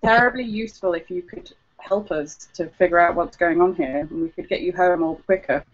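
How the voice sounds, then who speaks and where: A man's voice: sits high, fairly quick. A man playing a tabletop game in character, talking in a polite, genteel way. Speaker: player. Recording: muffled lo-fi recording.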